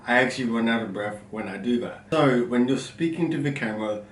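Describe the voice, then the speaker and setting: A man with a slight stutter, giving tips in an instructional vlog from a room at home, speaking loudly and deliberately. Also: medium pitch, distant mic, slight background noise. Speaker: content creator giving tips. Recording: roomy, mic set back, faint ambience.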